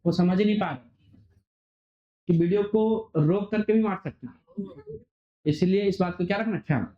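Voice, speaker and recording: A male physics teacher lecturing a classroom, firing quick questions and waiting for students to answer. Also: high voice. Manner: quizzing students, call-and-response. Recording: dull lo-fi recording.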